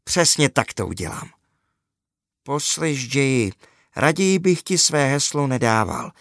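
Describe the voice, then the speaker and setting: A man's voice: medium pitch, big pitch swings, gravelly, a bit bright, no room sound, clean studio sound, pitched above the performer's own voice. A man doing an eager young schoolboy.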